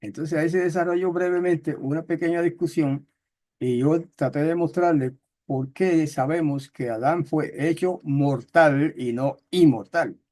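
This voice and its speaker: A man leads a Bible study lesson in a measured, explanatory way, stopping often to check that his listeners follow. His voice sits a little high for a man, and he reads verses out slowly and carefully. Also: steady tone, a little mellow. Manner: explanatory, with frequent fillers and checks like "¿ok?"; slow, careful reading of Hebrew text. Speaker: Bible teacher.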